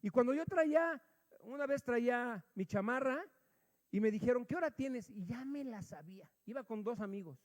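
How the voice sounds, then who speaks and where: A man preaching a sermon, telling a personal story and acting out the dialogue, dropping quiet and then rising loud. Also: very high-pitched, expressive, normal speed. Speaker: pastor. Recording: long hall reverb.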